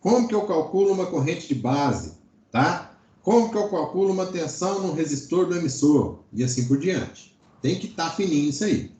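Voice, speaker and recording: A Brazilian man teaches an informal online class in a fairly high voice. His intonation is very animated, and he keeps checking that listeners follow. The room adds a noticeable echo. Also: normal speed. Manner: explanatory, peppered with check-in tags. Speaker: electronics teacher. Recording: roomy, echoing online class audio.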